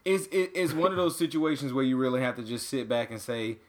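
A man in his thirties from Atlanta, co-hosting a podcast and telling loose, animated stories in casual chat. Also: medium pitch, fairly quick. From Atlanta, USA. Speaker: podcast co-host.

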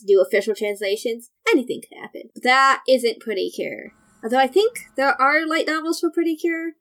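A woman's voice: a little high, low-quality recording. A woman hosting a podcast in casual chat, recapping in a rambling way that drifts into tangents. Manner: rambling, digressive. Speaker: podcast host.

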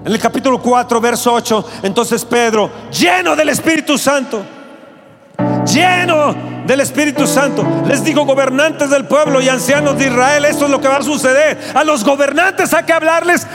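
A man preaching a fervent sermon in a church auditorium, often shouting, with a Mexican Spanish accent. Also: very high-pitched, moderate pace, in a large hall, music in the background. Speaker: pastor.

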